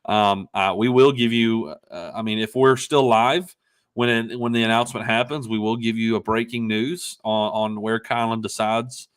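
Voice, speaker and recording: A man's voice: on the low side, steady tone, smooth. A man hosting a live sports show, talking casually with frequent "uh"s and restarts. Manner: halting, many fillers and restarts. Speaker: podcast host. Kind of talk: casual live-stream chat.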